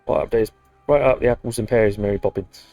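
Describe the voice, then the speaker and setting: A man's voice: lowish voice, fairly quick, mellow, no echo, soft background music, lightly acted. A man voicing a jokey mock cockney London man with an exaggerated put-on cockney accent, hammy and self-mocking.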